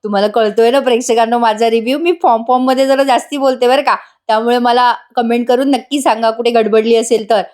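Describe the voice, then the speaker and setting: A woman recapping a TV serial episode in a voice-over review, chatty and excited, laughing often. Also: on the high side, quick pace, few pauses.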